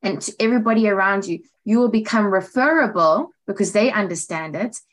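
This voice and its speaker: On a low-quality recording, an American co-host who serves as director of training talks fairly quickly in a mid-range voice. The conversation is a casual one aimed at writers, and she stays upbeat and affirming while saying "like" and other fillers a lot.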